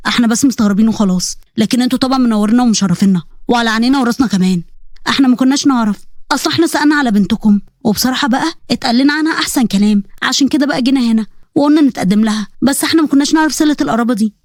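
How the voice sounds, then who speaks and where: A woman's voice: fairly high pitch, rapid-fire, dry recording, clean studio sound, close to an everyday voice. A woman doing a polite Egyptian father. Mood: placating. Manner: placating, polite. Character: stubborn older man, suitor's father.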